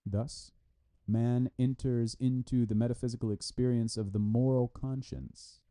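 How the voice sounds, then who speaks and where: A warm-toned man reads slightly slowly and steadily at medium pitch, working through a translated philosophy review. The style is formal and scripted, with citations and punctuation read aloud.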